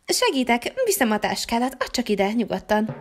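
A welcoming hotel hostess from a toy-figure story, as a woman puts her on. She speaks formally and courteously. Her voice is fairly high and expressive.

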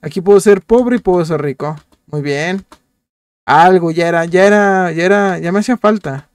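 A gameplay YouTuber with a high, clear, resonant voice chats at normal speed while he plays, joking and addressing his viewers directly. He repeats short words in bursts, and the recording is dry.

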